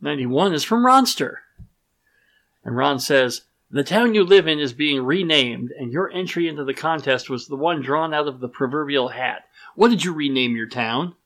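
Animated man reading listener questions. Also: a little high, moderate pace. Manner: animated, exasperated groans, swears casually. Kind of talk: casual chat.

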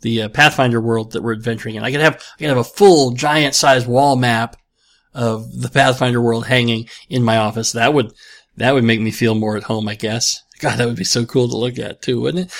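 Rambling self-deprecating man. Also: medium pitch. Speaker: podcast host answering listener questions. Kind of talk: casual chat.

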